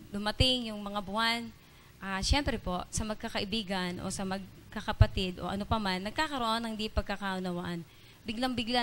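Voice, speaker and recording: A woman giving an earnest church testimony during an evening service, halting often with fillers and restarts. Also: mid-range voice, fairly bright tone, slight background noise. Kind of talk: spoken testimony in Tagalog-English mix.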